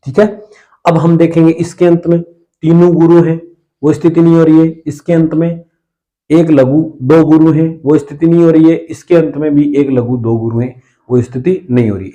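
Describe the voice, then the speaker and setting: A man teaching a lesson on Hindi poetic meter. He explains step by step, counts syllables aloud and often checks in with a quick "okay", clearing his throat now and then. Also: fairly high pitch, dark tone, poor audio.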